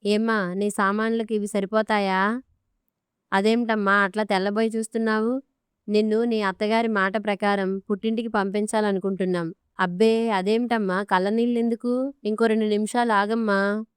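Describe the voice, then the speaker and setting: A woman's voice: medium pitch, level tone, moderate pace, clean tone, no room sound, clean studio sound, lightly acted. A woman reading an audiobook story, voicing a stern, commanding older father-in-law. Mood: firm. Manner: commanding, blunt.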